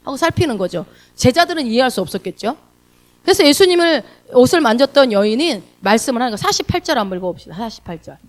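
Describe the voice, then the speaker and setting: Woman pastor, sermon, lively swooping pitch, rather high voice, rhetorical questions. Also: fast. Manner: animated, acts out quoted voices and asks the congregation questions.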